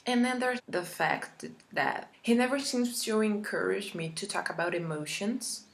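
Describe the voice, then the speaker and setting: A woman's voice: on the low side, fairly bright tone. A woman vlogger ranting in a frustrated, exasperated way, with many fillers. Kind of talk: casual rant vlog.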